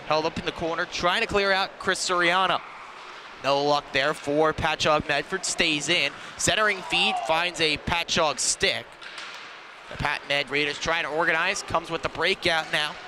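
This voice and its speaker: A man's voice: a little high, fairly even intonation, normal speed. A man giving live ice hockey commentary in clipped phrases that follow the play. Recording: noisy rink ambience around the mic.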